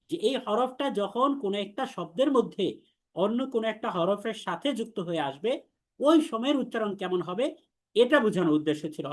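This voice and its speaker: A man with a voice that sits high teaches an Arabic letters class for the Quran. He explains step by step, patiently repeating, and leads his students in call-and-response drills.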